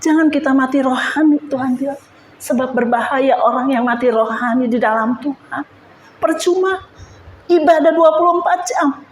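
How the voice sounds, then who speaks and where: A woman's voice: sits high, moderate pace, echoey room, slight background noise. A woman giving an emotional church testimony, speaking fervently and addressing the congregation directly.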